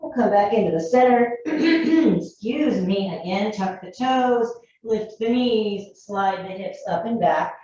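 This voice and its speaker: Mellow yoga teacher woman, echoey room. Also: medium pitch, a little slow, hardly any pauses, slight background noise. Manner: calm, gentle cueing with frequent throat clearing. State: morning voice, slightly froggy. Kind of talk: guided yoga class instruction. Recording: dull, echoey room from a distance.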